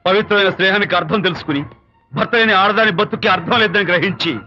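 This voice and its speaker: A man's voice: high-pitched, racing, sharp tone. An actor playing a headstrong young husband who argues with his wife in an old film scene. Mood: stern. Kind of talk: 1990s film dialogue. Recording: muffled film soundtrack with music.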